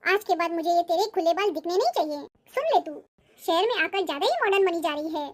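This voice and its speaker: A shrill, bossy old grandmother in a cartoon, voiced by a woman. She speaks with an Awadhi-tinged Hindi accent. Her voice is very high, and she scolds sharply. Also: fast. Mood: scolding. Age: older. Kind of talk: cartoon voice acting.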